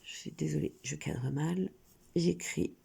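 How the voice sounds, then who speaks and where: A woman's voice: sits low, fairly even intonation, measured pace, creaky, mellow, breathy edge. A woman with a cold, sniffling now and then, chatting casually and hesitantly with many fillers as she talks through her coloring hobby. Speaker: coloring channel creator. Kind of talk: casual crafting vlog.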